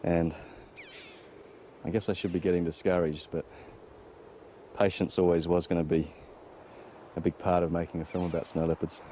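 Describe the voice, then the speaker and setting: A wildlife filmmaker, a man, narrating a nature documentary reflectively in measured short phrases. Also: deep voice, level tone, mellow, a little hiss or hum.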